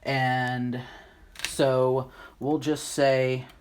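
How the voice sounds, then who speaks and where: A host giving a casual Bible lesson while writing on a board, halting and unsure of names, thinking aloud as they go. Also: medium pitch, little pitch movement, slight background noise. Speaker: Bible study video host.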